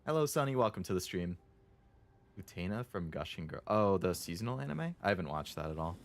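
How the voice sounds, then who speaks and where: Male horror game streamer, deep register, very animated intonation, jumpy and uneasy casual chatter. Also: a little fast. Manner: nervous, uneasy, muttering to himself while playing. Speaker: video game live streamer. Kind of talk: casual chat while playing a horror game.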